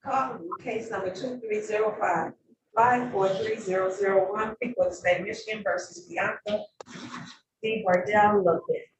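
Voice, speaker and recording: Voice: medium pitch, normal speed. A court clerk calling a case in a formal, official cadence, heard through a courtroom recording. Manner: reads case details in a flat, official cadence. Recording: echoey distant courtroom recording with background noise.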